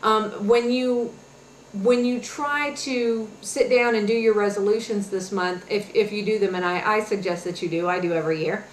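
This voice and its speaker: A woman's voice: medium pitch, steady tone, normal speed, a little hiss or hum. A woman hosting a casual health and fitness vlog, talking chattily with encouraging advice. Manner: chatty, many fillers and restarts, encouraging. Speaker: health and fitness webisode host. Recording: echoey room with faint ambience.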